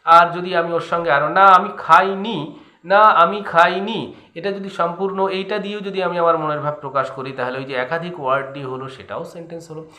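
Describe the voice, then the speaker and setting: Bengali-accented young male teacher, crisp and bright, asks and answers his own questions, echoey room. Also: a little high, fairly even intonation, fast talker. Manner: asks the students questions and answers them himself. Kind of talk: grammar lesson.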